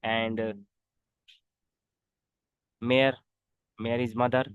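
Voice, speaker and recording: Guy teaching french super slow, repeats stuff, clean crisp voice in a dead dry room. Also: mid-range voice, level tone, no room sound. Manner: slow, repetitive teaching, mixing English and Hindi. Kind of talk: online language lesson.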